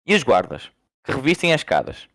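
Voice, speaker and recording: A teenage boy from Portugal reading a long poem aloud for school in a steady, measured way. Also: mid-range voice, creaky, dry recording.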